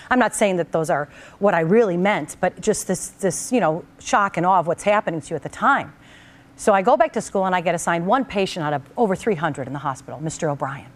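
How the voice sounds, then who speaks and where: A talk show host shares a personal memory with her guest, her voice sitting a little low for a woman. She tells it animatedly, slipping into the voices of the people she quotes and then coming back to her own.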